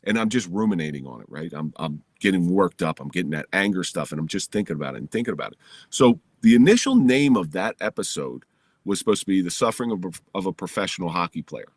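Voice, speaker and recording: A middle-aged man from New Jersey, a podcast guest telling a personal story in a candid, lively way, recorded in his home basement. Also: deep voice, quick pace, no room sound.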